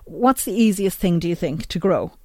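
A woman's voice: lowish voice, lively intonation, moderate pace, dry recording. Chatty Irish woman, close dry sound. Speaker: radio show host. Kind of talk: chatty radio interview. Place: radio studio.

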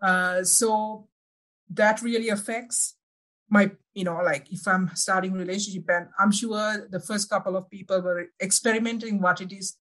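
A Sri Lankan woman speaking English as a second language gives reflective personal answers as an interview guest. Her mid-range, fairly bright voice comes halting and self-correcting as she searches for words, and the recording is rough.

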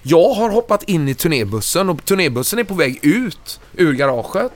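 Animated middle-aged man telling road stories. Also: on the high side. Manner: animated, acts out quoted lines in a raised voice. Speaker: touring musician, guest. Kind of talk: casual anecdotal storytelling.

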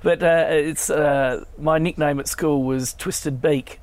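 A man with a croaky voice from a cold, chatting casually and telling rambling anecdotes as a podcast guest. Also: fairly high pitch, steady tone, slow pace, no echo. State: has a cold. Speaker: podcast guest, family business owner. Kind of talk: casual conversational interview.

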